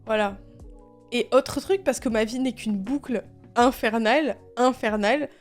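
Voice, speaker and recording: A young woman streamer telling stories casually while gaming, animated and exasperated, swearing and laughing often. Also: on the high side, a little slow, faint music behind.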